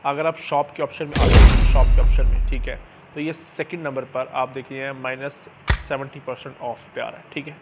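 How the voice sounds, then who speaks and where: The gaming channel host keeps a level tone and a fairly quick pace in his mid-range voice, explaining the game casually and adding check-in tags often. Clear background noise sits under the dull lo-fi recording of this screen-recorded tutorial.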